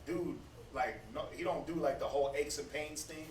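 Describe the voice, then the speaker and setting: Fairly quick and steady in tone, a man in his thirties with a slightly high voice gives a laid-back, preachy scripture lesson, stumbling and doubling back on his words. The Bible study talk is casual and conversational, captured from afar in a reverberant room with a faint hiss behind.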